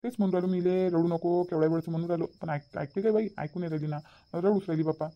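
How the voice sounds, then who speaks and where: Brief: a man as weary village husband in a cartoon, soothing, quick speech. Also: high-pitched, fairly even intonation, muffled recording. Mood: calming. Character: patient middle-aged husband, man. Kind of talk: cartoon voice acting.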